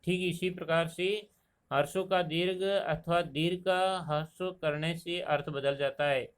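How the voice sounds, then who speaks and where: A man teaching a Hindi grammar lesson, explaining pronunciation slowly and deliberately and drawing out each example word. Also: fairly high pitch, steady tone, clear, resonant tone. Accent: Rajasthani Hindi. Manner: slow, deliberate explanation, stretching out example words. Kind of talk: classroom lesson.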